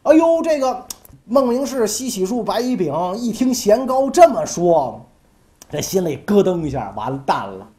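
Animated storyteller man. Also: high-pitched, moderate pace. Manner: animated, colloquial, acts out characters. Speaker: history storyteller. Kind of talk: casual storytelling podcast.

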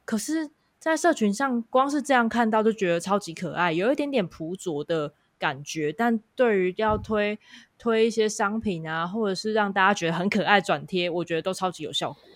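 A woman's voice: mid-range voice, expressive, a little fast, dry recording, studio quality. A woman with a Taiwanese Mandarin accent co-hosting a casual podcast conversation. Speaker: podcast co-host.

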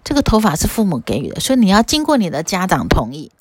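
A woman voicing a calm, patient male teacher who asks gentle questions. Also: fairly low pitch, fast talker, noisy background.

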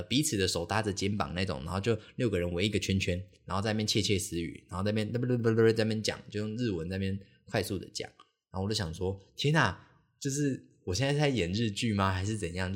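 A young man hosting a podcast, telling a casual, rambling story full of fillers and restarts and acting out the people he quotes. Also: fairly low pitch. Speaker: podcast host.

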